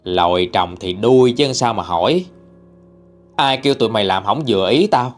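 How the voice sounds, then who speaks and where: A man's voice: lively intonation, moderate pace, faint music behind, lightly acted. A man voicing a spiteful, bedridden grandmother in her seventies who scolds and curses in a Southern Vietnamese accent, inside a spoken ghost story. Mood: sullen. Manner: cursing, shrill scolding.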